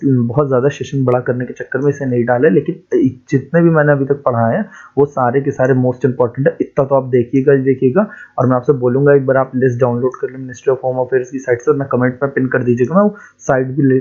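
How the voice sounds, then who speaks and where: A man's voice: medium pitch, warm tone, dull audio. A male teacher with a sore throat, going through quiz slides, explaining step by step and repeating the key answers.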